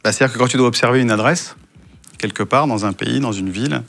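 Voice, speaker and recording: A man's voice: medium pitch, fast talker, vocal fry, a bit bright. A man from France recounting his past work in a casual interview, with many hesitations, and acting out the dialogue he quotes. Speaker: guest, former intelligence officer.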